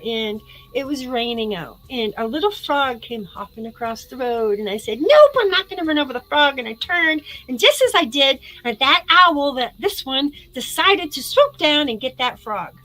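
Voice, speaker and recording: A middle-aged woman chatting on a live stream in a bright, forceful voice. She is excitable and swears casually, and her voice sits a little high. She drifts away from her computer mic now and then. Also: rough recording. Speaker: spiritual live-stream host.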